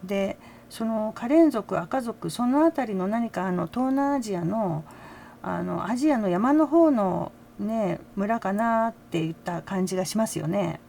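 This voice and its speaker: A woman's voice: mid-range voice, lively intonation, a little slow, gravelly, warm tone, a little hiss or hum. An older woman hosting a fan channel, chatting casually with frequent little laughs and tag words. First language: Japanese. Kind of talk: casual commentary to camera.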